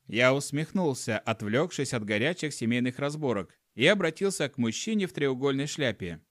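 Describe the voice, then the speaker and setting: A man's voice: medium pitch, expressive, moderate pace, no room sound, clean studio sound. A man narrating a humorous first-person audiobook in a wry storytelling manner. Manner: wry storytelling with acted dialogue.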